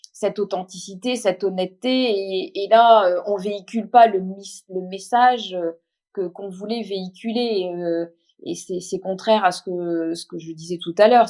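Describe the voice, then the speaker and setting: A woman's voice: mid-range voice, darkish tone. A woman from northern France giving her view in a casual online audio room, talking hesitantly with many fillers and restarts. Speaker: speaker on voice.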